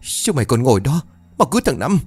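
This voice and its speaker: A man's voice: normal speed, no room sound, faint music behind. A man voicing a frail old village mother who cries out in terror after a nightmare, in a ghost story reading. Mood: panicked. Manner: shrill, frantic cries.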